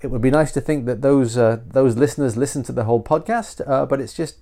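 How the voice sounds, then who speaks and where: A middle-aged man hosts a solo podcast, his mid-range voice nasal from a cold. He talks fast and mellow, rambling and self-deprecating, often restarting his sentences.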